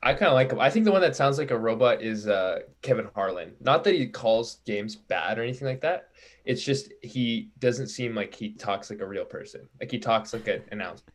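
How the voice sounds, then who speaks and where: A man's voice: mid-range voice, lively intonation, fairly quick. A man co-hosting a casual sports podcast, rambling with lots of "like" fillers. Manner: rambling, filler-heavy with frequent "like". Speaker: podcast co-host.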